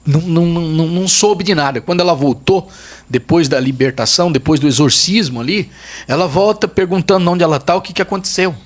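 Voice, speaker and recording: A man's voice: on the high side, quick pace. A man, a pastor and podcast guest, telling a testimony in vivid detail, emphatic and repeating phrases for weight. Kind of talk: testimony storytelling in a podcast interview.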